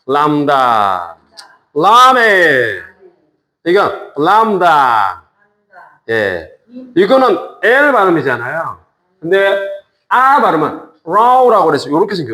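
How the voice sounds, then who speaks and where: A man teaching a class, patiently repeating each word and joking with students. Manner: slow, lively pitch, drawn-out repetitions. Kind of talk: classroom lesson.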